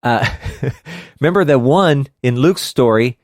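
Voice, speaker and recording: A man co-hosting a casual Bible study podcast, animated and quick to laugh, with hammy outbursts. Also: mid-range voice, no echo, studio quality. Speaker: podcast co-host teaching scripture.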